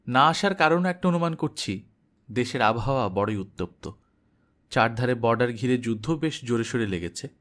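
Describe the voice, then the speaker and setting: A man narrating an audiobook in a measured first-person diary reading. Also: mid-range voice, fairly bright tone.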